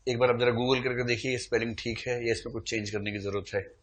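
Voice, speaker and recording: A man delivers a literature lecture at an ordinary mid-range pitch. He explains patiently and conversationally. He slips in humorous asides that draw a chuckle. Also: steady tone, fast, fairly bright tone. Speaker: literature teacher. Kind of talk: classroom lecture.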